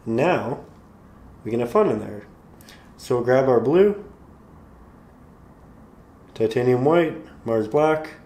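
A painting instructor calmly walks viewers through a step-by-step tutorial, unhurried and encouraging. He has a medium-pitched, slightly hoarse voice.

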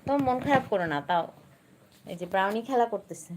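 A woman's voice: mid-range voice, expressive, quick pace. A woman at home, coaxing her pet in sing-song baby talk. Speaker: pet owner vlogger.

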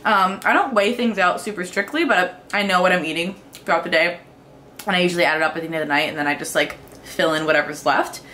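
A woman's voice: lowish voice, quick pace, pushed and bright, a little hiss or hum. A young woman chatting casually in a home vlog, rambling and giggly as she talks to her viewers. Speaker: vlogger.

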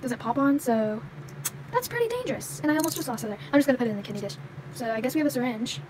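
A young woman with a fairly high voice talks through a toy unboxing in a loose, chatty way, filling pauses with "like" and "um". She speaks from behind a handheld phone camera. A steady noise sits under the recording. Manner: chatty, many fillers like "like" and "um". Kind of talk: casual unboxing show-and-tell. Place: indoors at a toy vet clinic playset. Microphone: handheld phone camera, speaker off screen. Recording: audible background noise.

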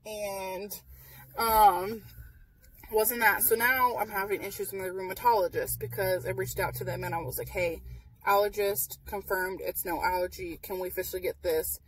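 A woman's voice: mid-range voice, fairly even intonation, normal speed, distant mic, a little hiss or hum, poor audio. A young woman in her twenties, tired, chatting candidly in a parked car at night, recorded by a dashboard camera. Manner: candid, matter-of-fact, many fillers. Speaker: vlogger. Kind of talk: casual chat. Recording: voice a little off-mic in car.

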